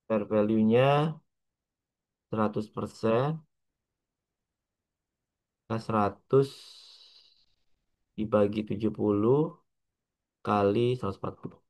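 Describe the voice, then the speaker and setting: This Indonesian-accented man, whose voice sits on the low side, teaches accounting by going through a worked example one step at a time. His delivery halts frequently, blending in English terminology and little tags to check understanding.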